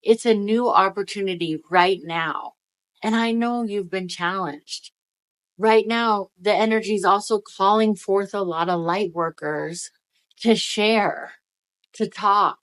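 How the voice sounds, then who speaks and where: Casting: woman, medium pitch, motivational vlogger, emphatic and encouraging, mouth numb from dental work, words coming out of the corner of the mouth. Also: slow, fairly bright tone. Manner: talking out of the side of the mouth. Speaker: spiritual energy-reading video host. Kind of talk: casual motivational talk to viewers.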